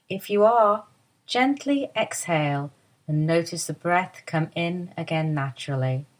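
Slow, low-voiced woman guiding relaxation. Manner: soft, slow, soothing guidance. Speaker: movement teacher guiding a lie-down. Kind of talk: guided body-awareness instruction.

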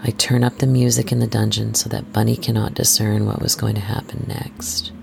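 A storyteller hosting an adult story series in a soft, intimate, scripted first-person narration, hushed and measured, slipping into breathy whispers. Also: medium pitch, level tone, noisy background. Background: music.

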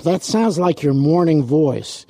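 A man hosting a radio talk show, speaking in a relaxed way with frequent ums and uhs. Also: fairly high pitch, takes it slowly, no echo.

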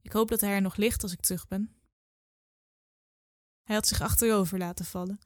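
A young woman in her twenties reads her own short story aloud. Her delivery is calm and measured, at a mid pitch for a woman. The recording is dry and close, with no room echo. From Netherlands. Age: 20s. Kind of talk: literary reading.

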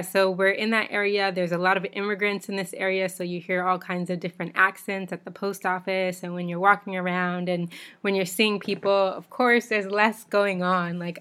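A woman's voice: fairly low pitch, bright, forceful tone, clear, resonant tone. A woman in her thirties from the United States, hosting her own podcast in a chatty, informal way with small laughs and restarts. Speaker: podcast host. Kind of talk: solo podcast talk.

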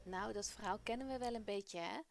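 A woman presenting a children's radio program, reading a story aloud in a friendly, expressive way. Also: medium pitch, fairly quick, gravelly, faint music behind.

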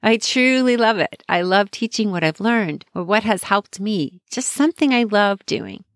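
A woman's voice: mid-range voice, animated, normal speed, dry recording, clean studio sound. Upbeat chatty woman podcast host. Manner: upbeat, chatty storytelling with frequent laughter. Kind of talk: casual motivational podcast chat.

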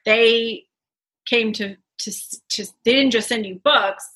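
A woman's voice: fairly high pitch, slow pace, a bit bright, slightly rough, rough recording. A woman hosting a podcast interview, playful, chiming in with jokey asides. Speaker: podcast host. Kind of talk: interview conversation.

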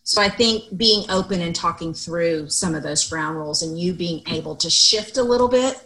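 A middle-aged woman co-hosting a casual podcast discussion. She talks loudly and expressively, with a slightly low voice. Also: normal speed, rough recording. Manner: loud, expressive talker. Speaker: podcast co-host.

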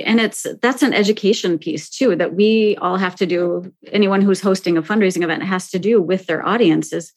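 A woman's voice: medium pitch, low-quality recording. A woman hosting a podcast interview in a conversational style. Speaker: podcast host.

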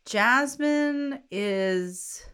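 A woman's voice: fairly high pitch, animated, extremely slow, a bit bright, clean tone. A woman co-hosting a podcast, a teacher who chats playfully and laughs often. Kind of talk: casual podcast chat.

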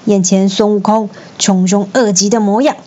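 A woman storyteller reading a children's classic aloud in an expressive, lively manner. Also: mid-range voice, normal speed, muffled recording.

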